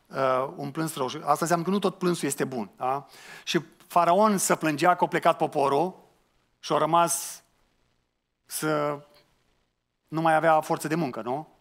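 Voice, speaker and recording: Male pastor, higher register; earnest sermon delivery, challenging and conversational. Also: fairly bright tone. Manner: earnest, questioning the listeners, colloquial asides.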